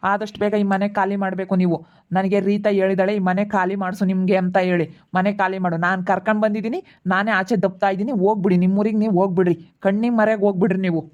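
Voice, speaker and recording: A woman playing an angry in-law throwing someone out of the house, shouting harshly. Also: medium pitch, muffled recording, lightly acted.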